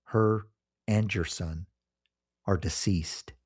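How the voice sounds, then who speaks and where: A man's voice: low-pitched, steady tone, a little mellow, slightly rough, heavily acted. A man playing a polite, sombre police officer in a narrated story, speaking formally and matter-of-factly. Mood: sombre, official. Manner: formal, measured, matter-of-fact. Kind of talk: scripted story dialogue.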